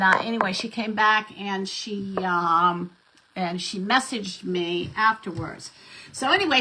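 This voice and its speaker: A woman's voice: medium pitch, bright, forceful tone, poor audio. A middle-aged woman, chatting casually as she hosts a craft live stream and greets viewers by name. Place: home craft desk.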